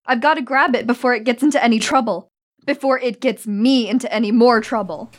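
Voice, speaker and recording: Woman playing Tink, a high-voiced jittery kid. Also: brisk, close to an everyday voice. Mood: anxious, puzzled. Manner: flustered, defensive. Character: jittery, evasive, sarcastic kid called Tink. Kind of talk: audio drama acting.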